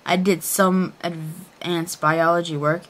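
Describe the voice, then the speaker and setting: A woman's voice: lowish voice, flat delivery, takes it slowly. A woman reading a story aloud in a mock-serious, theatrical way. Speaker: reader. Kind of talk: dramatic reading of fan fiction.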